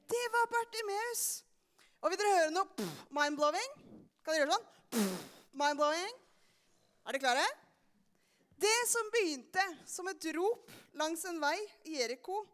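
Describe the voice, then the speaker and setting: A young woman telling a Bible story to a church congregation and asking them questions often. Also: sits high. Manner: animated, asks the audience questions often. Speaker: children's sermon leader. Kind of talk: lively storytelling sermon for a congregation.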